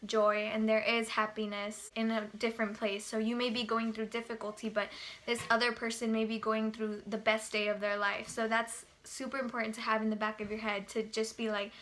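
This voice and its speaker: Bright-voiced chatty young woman vlogger. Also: a little high, flat delivery, a little fast, slight background noise. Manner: earnest, chatty, heavy use of fillers like "you know" and "like". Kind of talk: casual talking-to-camera vlog.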